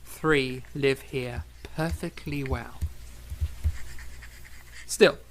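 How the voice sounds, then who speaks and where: In a period audio drama, a man plays a proud, fiery young composer of the eighteenth century, speaking formally and emphatically with theatrical flair in an earnest, proud mood. His mid-range voice moves extremely slowly, and the low-quality recording has slight background noise.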